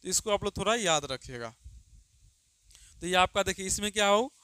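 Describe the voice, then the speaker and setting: Guy teaching grammar, high bright clear voice, keeps asking then answering himself. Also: expressive, no echo. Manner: repeats questions and answers them himself, calls students "babu"; drawn-out dictation of example sentences. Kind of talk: Hindi grammar lesson.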